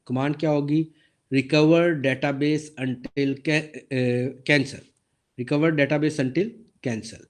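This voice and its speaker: A man lecturing on databases with a sore throat and an occasional cough, explaining step by step, asking the class questions and reading slide text aloud slowly. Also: a little high. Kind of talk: recorded lecture over slides.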